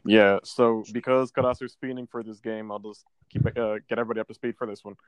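A man's voice: fairly low pitch, little pitch movement, fast talker, clean tone, dry recording. Rambling casual podcast guy, dry sound. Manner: rambling, stumbles and restarts often. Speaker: podcast co-host. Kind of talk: casual chat about a video game.

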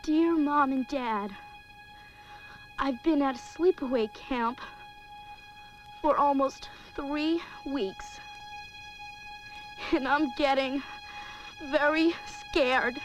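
High-voiced frightened camper, painfully slow. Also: female voice, faint music behind, poor audio. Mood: scared. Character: frightened young camper reading a letter home. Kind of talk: horror film trailer voice-over.

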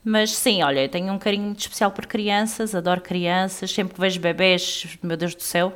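A woman's voice: on the low side, fairly even intonation, fairly quick. A woman in her thirties with a European Portuguese accent, chatting casually with a friend as a podcast co-host. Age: 30s. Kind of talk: casual chat between friends.

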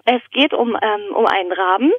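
A woman from Germany, born in Berlin and raised in the south of the country, chats casually as a podcast guest over the phone, sharing anecdotes and a joke. She speaks hesitantly and thoughtfully at a normal pace in a medium-pitched voice. The sound is thin and narrow like a telephone line, with no room sound.

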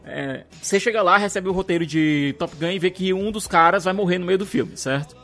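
A Brazilian man with a high voice tells stories at a rapid pace over faint music. He explains casually and acts out what people said. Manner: animated retelling with acted-out quotes. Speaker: podcast panelist.

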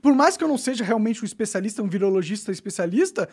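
Fast, animated podcast host pushing back. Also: male voice, sits high, husky. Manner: defensive, insistent, quick and animated. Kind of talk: heated casual debate. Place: podcast studio.

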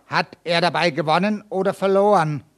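A man's voice: high voice, moderate pace, fairly bright tone. A man reading aloud and voicing a stern, scornful village judge who questions harshly and threatens. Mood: interrogating. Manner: cold, threatening, mocking.

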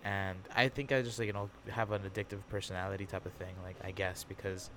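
A man's voice: sits low, level tone, fast talker, background noise. A man in his twenties hosting a casual podcast chat, rambling and repeating himself as he feels out his point. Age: 20s. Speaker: podcast host.

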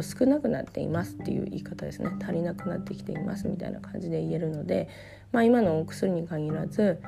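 Hoarse, gravelly Japanese woman teaching English. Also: lowish voice. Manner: relaxed, with many fillers. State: recovering from a cough, hoarse. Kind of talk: casual spoken lesson. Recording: guitar music playing behind.

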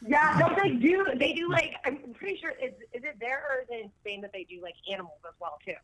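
A woman's voice: sits high, fast talker, fairly bright tone. A woman guest calling in by phone, chatting frankly and laughing easily. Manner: frank, laughing, filler-heavy. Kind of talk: casual chat. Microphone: phone line. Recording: phone line.

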